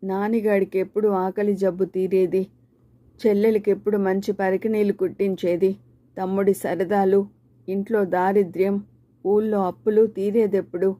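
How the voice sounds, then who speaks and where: A woman narrates a story in the first person, holding a steady, measured pace with even pauses. Her voice is deep and mellow, and it hardly rises or falls. The recording is dry and close, with no room sound. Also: no room sound.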